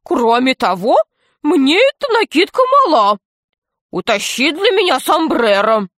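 A jolly fat alien space pirate from a storybook, boastful and gleeful, his voice pushed high and bright, as a woman narrator puts him on. He talks loudly, in a close and dry sound. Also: sing-song, unhurried, dry recording, heavily acted.

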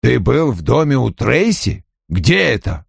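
A man's voice: medium pitch, big pitch swings, a little slow, vocal fry, husky, no room sound, clean studio sound, full character voice. A man reading an audiobook, voicing a demanding older male detective who speaks in terse, clipped phrases. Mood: curt.

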